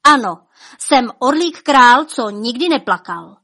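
A proud young king from a spoken fairy tale, bold and defiant, as a woman storyteller puts him on. He talks slowly and loudly, each line drawn out like a proclamation. The voice sits a little higher than her narration. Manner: slow, loud, proclaiming.

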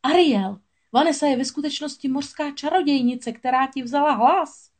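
An excitable seagull squawks out urgent news in a high, agitated voice, played by a woman reading a storybook. He rushes his words as though there is no time to lose. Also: husky.

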